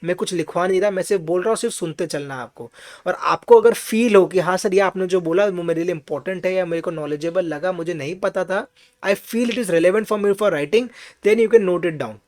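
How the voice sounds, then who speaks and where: High-voiced man teaching a class. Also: moderate pace. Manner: explains patiently with rhetorical questions and checks on students; mixes English phrases into his talk. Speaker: finance teacher. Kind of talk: online class lecture.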